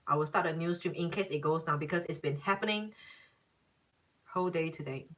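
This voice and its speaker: A woman gives a casual live-stream psychic reading, chatty and emphatic, circling back to repeat her points and breaking into laughter. Her mid-low voice comes across a little distant from the microphone. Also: brisk, fairly bright tone. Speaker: tarot and psychic reader answering live viewers.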